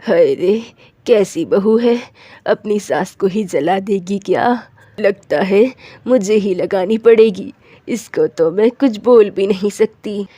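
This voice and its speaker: A woman's voice: medium pitch, slow pace, mellow, slightly rough, no echo. A woman voicing a scheming, complaining older mother-in-law in a cartoon story.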